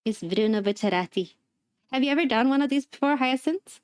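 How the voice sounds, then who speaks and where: A young adult woman livestreams while assembling a craft, telling a story in rambling, casual chat full of fillers and frequent laughter. Her high-pitched voice is smooth and brisk, with no echo.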